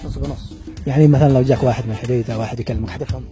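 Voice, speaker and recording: Over music, a man with a Yemeni accent hosts a street quiz, racing along in a medium-pitched, fairly even voice. As street interviewer and show host, he coaxes people with teasing and laughter.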